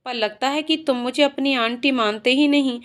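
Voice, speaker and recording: A woman's voice: high-pitched, normal speed. A woman voicing an affectionate middle-aged aunt who fusses over the children and scolds them fondly. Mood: motherly. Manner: warmly scolding, fussing.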